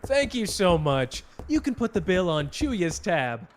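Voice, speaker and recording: A man's voice: sits high, sing-song, a little slow, a little hiss or hum. A man as Dazai, drawling flirtatious tease. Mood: cheeky. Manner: playful, teasing, drawling. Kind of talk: ASMR roleplay.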